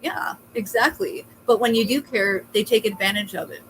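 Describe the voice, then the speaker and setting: A woman hosts a casual interview over a video call, talking in a chatty, encouraging way full of fillers. Her voice sits at an ordinary middle pitch. A faint background hum runs under it. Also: normal speed, fairly bright tone, poor audio. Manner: chatty and supportive, many fillers. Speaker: host.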